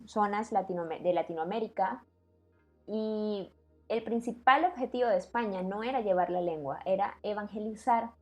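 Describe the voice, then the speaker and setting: A woman co-hosting a casual podcast chat, explaining words patiently and laughing easily. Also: mid-range voice. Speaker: co-host explaining language.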